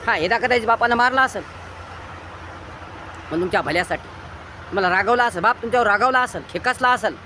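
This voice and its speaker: A man with a Marathi accent giving an impassioned moral lecture, preachy and repetitive, swinging between loud emphatic bursts and quiet low lines. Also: fast talker, pauses often, a little hiss or hum. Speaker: motivational speaker.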